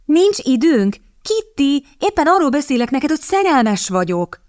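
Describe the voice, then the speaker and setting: A woman's voice: medium pitch, animated, dry recording, studio quality, lightly acted. A woman voicing a passionate, lovestruck young younger sister who pleads and protests indignantly.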